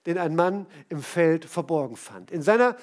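High-voiced enthusiastic preacher. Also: male voice, big pitch swings, moderate pace. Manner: casual, enthusiastic, addresses listeners directly. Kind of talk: sermon with lively storytelling.

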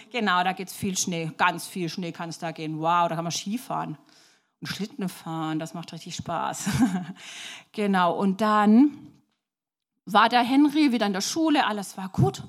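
A woman preacher telling a story to children in a lively way and asking the audience questions. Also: lowish voice, measured pace.

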